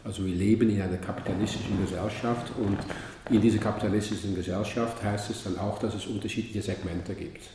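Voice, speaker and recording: Tiefer, weicher Mann, fern im Hall. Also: male voice, lowish voice, steady tone. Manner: measured, explaining. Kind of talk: explanatory conversation. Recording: distant, echoey hall with faint noise.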